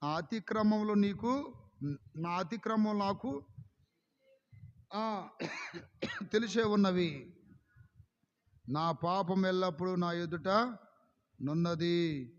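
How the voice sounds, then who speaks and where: A man preaching a sermon as pastor, with impassioned delivery that swings suddenly in loudness and pace. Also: sits high, takes it slowly, pauses often. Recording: dull lo-fi sound with long hall reverb.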